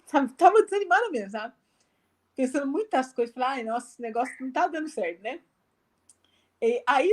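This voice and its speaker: A woman's voice: a little high, darkish tone. A missionary woman with a Brazilian Portuguese accent telling a testimony over a live video call, chatty and full of fillers, acting out the dialogue she quotes. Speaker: guest, missionary.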